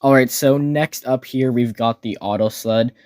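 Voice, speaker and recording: A man's voice: medium pitch, normal speed, darkish tone, clear, resonant tone. A man narrating a casual, enthusiastic voice-over commentary about amusement park rides in an informal way.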